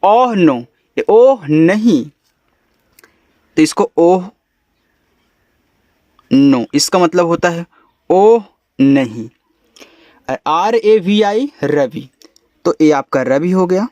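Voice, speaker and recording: A man gives a patient English reading lesson, spelling each word slowly, letter by letter. His voice sits a little high. The recording is dry and close, with no room sound. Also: lively intonation, darkish tone, no echo, lo-fi sound. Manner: slow, patient letter-by-letter spelling with Hindi explanations. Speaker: English teacher.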